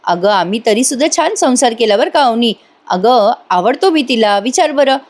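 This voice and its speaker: A woman voicing a fond middle-aged father who calmly reasons with his daughter. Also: fairly high pitch, normal speed, lightly acted. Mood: coaxing. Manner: gently persuading, lecturing.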